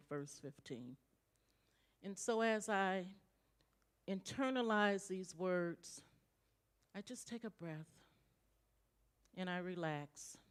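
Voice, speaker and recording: A woman leading a slow, calm gratitude prayer in a church, repeating her thanks line by line. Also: on the low side, clear, resonant tone. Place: church sanctuary.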